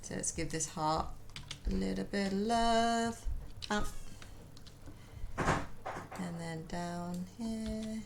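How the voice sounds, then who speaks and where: A woman's voice: mid-range voice, very slow, gravelly, long pauses, background noise. A woman streaming as she draws, chatting casually, muttering to herself and answering her chat.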